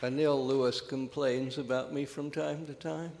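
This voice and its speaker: A man's voice: medium pitch, steady tone, normal speed, creaky, a loud crowd, heavy background noise. A man, an organization's president, giving an impromptu, emphatic and heartfelt acceptance speech. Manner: emphatic and heartfelt, with a few restarts. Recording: reverberant hall.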